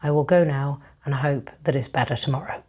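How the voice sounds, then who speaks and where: A woman reviews books in a casual vlog, rambling with plenty of ums. Her low voice is breathy and fading, as if she is losing it. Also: a little fast, a little mellow. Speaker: book vlogger.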